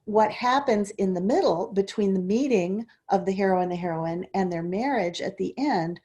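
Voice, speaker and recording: A woman's voice: medium pitch, moderate pace, dark tone. A woman English professor hosting a book club, giving an informal talk and laying out her points step by step. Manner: explanatory, lays out points step by step.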